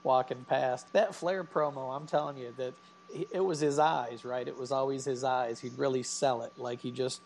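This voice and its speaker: A man's voice: medium pitch, steady tone, moderate pace, gravelly, a little mellow, slight background noise. A man co-hosting a podcast, chatting casually and telling rambling stories with laughs. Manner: rambling storyteller, laughs often. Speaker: podcast co-host. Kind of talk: casual chat.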